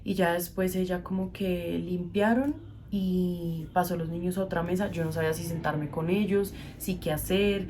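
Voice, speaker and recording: A woman's voice: on the low side, normal speed, few pauses, slight background noise. A young woman, telling a personal story as a vlogger and acting out the people she quotes. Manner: animated storyteller, acts out quoted dialogue. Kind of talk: casual storytime vlog.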